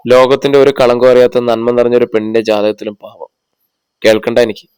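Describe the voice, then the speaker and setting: A man reads a scornful, outspoken young man in a storybook. He talks bluntly and waves objections away. Smooth, dry voice close to the mic. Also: medium pitch, little pitch movement, fairly quick, a little mellow, no room sound, natural voice, low-quality recording. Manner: blunt, dismissive.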